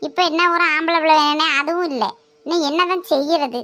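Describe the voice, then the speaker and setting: A woman's voice: sits high, brisk, bright, forceful tone. Woman doing a ranting bitter mother-in-law. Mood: bitter complaint. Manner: complaining, scornful rant. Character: nagging older mother-in-law, bitter and scolding. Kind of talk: family skit acting.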